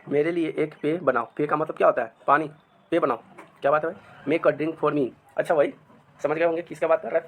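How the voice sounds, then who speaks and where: Man, a patient teacher who drills each sentence slowly. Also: a little high, fairly bright tone. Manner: says each English sentence very slowly, then repeats it. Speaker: English teacher. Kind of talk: spoken English lesson.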